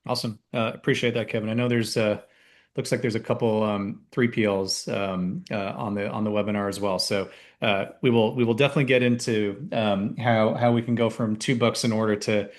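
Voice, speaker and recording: Man, webinar host on a video call; somewhat low voice, halting, filler-heavy, chatty. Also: steady tone. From Canada. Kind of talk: webinar panel moderating.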